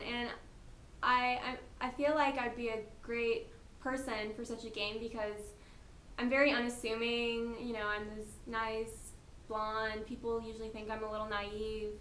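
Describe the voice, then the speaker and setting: A woman's voice: on the high side, little pitch movement, a little slow, a bit bright, a little hiss or hum. Giggly young woman in an echoey room. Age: 20s. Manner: giggly, chatty, slightly nervous. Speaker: reality show applicant. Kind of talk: casting interview.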